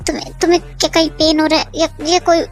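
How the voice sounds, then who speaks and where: A young performer voicing a worried young man who keeps begging his crying partner to calm down. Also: extremely high pitch, fast talker, soft background music. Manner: soothing, repetitive, worried. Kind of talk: Hindi fan dub drama.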